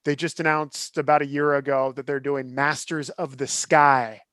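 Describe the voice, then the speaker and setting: Casual male podcast co-host, slightly high, eager, stumbles into restarts, dry close sound. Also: level tone, normal speed, a bit bright, dry recording. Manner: enthusiastic, restarts sentences often. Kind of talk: casual chat.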